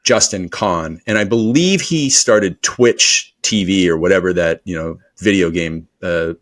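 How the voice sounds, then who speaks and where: Speaking at a measured pace, a fairly low-voiced man joins a podcast interview as a guest. He works as a performance coach, and his talk is rambling, filler-heavy, energetic and motivational.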